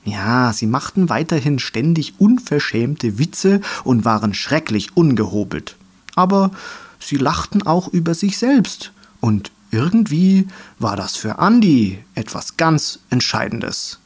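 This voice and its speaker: A man narrating a children's storybook in an expressive, lively manner. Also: mid-range voice, unhurried, husky. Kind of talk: storybook reading.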